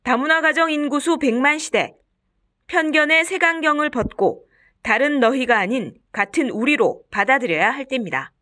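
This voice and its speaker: A woman's voice: sits high, normal speed, bright, forceful tone. A woman reporter reading scripted narration for a television news report.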